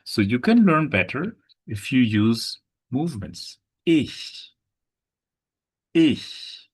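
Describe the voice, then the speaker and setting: A man teaching German pronunciation, speaking slowly and deliberately and repeating each word several times. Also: medium pitch, big pitch swings, husky. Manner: slow, deliberate, repeats words with gestures. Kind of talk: language lesson.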